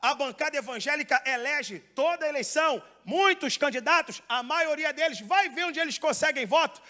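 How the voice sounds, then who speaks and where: A man with a Brazilian Portuguese accent preaching a fiery Pentecostal sermon in a church, swinging from loud shouts to quiet asides. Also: extremely high pitch, expressive, moderate pace. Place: church hall. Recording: long hall reverb.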